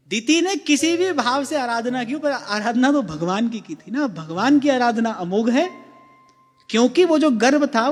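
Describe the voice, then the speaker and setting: A spiritual speaker with a very high voice delivers a slow, gentle devotional discourse, repeatedly turning to his listeners with questions. His voice echoes as in a long hall, with soft music in the background.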